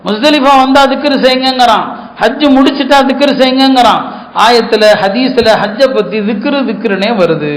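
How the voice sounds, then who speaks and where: Male preacher, high voice, earnest sermon delivery with emphatic repetition, echoey room. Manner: earnest, repeats words for emphasis. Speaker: Islamic preacher.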